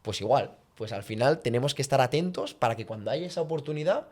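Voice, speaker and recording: Male coach, podcast guest, animated and expressive. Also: quick pace. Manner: animated, acts out quoted speech with big pitch jumps. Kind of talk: podcast conversation, teaching.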